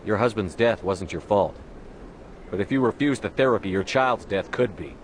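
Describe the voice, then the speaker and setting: A man's voice: fairly low pitch, animated, moderate pace, a little hiss or hum, close to an everyday voice, poor audio. A man playing a blunt, authoritative military commander in a video game. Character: blunt, authoritative human military commander, hard-edged hero. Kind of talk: video game drama acting.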